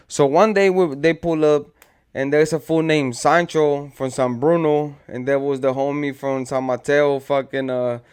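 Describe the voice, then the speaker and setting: A man's voice: medium pitch, a little mellow, clear, resonant tone. A man telling a story from his own past in casual street slang, rambling and acting out what his friends said. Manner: rambling, slang-heavy, acts out friends' quotes.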